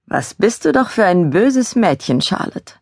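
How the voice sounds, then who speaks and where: A woman's voice: mid-range voice, sing-song, measured pace, creaky, darkish tone, breathy edge, no echo, studio quality, pitched above the performer's own voice, full character voice. A woman doing a camp, teasing male gallery colleague. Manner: theatrical, mocking, laughing.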